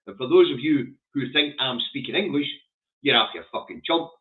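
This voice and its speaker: A man's voice: medium pitch, normal speed. A man with a broad Lanarkshire Scottish accent hosting a casual livestream, chatting and giving blunt, colloquial, sweary commentary on the news. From Scotland. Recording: thin, phone-like narrow-band sound.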